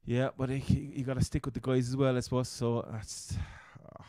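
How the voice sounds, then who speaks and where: A man's voice: medium pitch, flat delivery, fairly quick, dark tone, no room sound, studio quality. An Irish man with a Cork accent hosting a casual sports chat, rambling and often repeating his words. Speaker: podcast host. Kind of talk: casual chat, fantasy football commentary.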